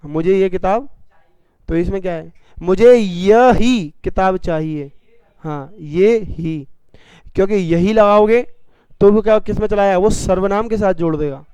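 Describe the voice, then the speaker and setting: A man teaching a classroom grammar lesson, dictating slowly and repeating phrases for students to write, with playful everyday examples. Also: high voice, mellow, clear, resonant tone, no echo. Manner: addresses students as "beta", jokey examples. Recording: dry, slightly dull classroom recording.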